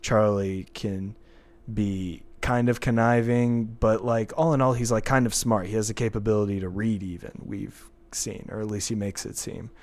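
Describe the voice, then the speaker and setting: A man's voice: lowish voice, steady tone, normal speed. A man hosting a casual podcast, chatting about a TV show and reading listener comments aloud. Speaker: podcast host.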